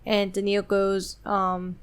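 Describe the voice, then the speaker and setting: Woman podcast co-host, casual book chat, medium pitch, reads dialogue aloud. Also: monotone, measured pace, clear, resonant tone. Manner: retells scenes, reading dialogue aloud.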